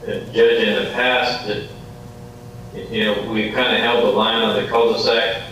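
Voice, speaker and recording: A man speaking in a low, flat voice over a remote call whose audio keeps cutting in and out. He sounds distant and echoey, with clear background noise on the line, and his speech is halting, full of restarts. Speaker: county staff member. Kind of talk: meeting discussion.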